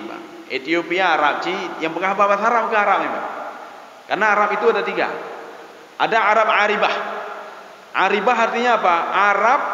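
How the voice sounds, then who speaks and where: A man's voice: high voice, bright, forceful tone. A man giving a religious study lecture in a mosque, often asking questions and answering them himself while addressing the listeners as "Pak". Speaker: religious teacher. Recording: echoey hall, dull lo-fi sound with hiss.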